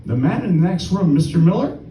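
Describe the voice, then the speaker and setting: A man's voice: sits high, lively intonation, fairly quick, mellow. A man voicing a hospital doctor giving a patient news, matter-of-fact, inside a joke. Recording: roomy, distant mic.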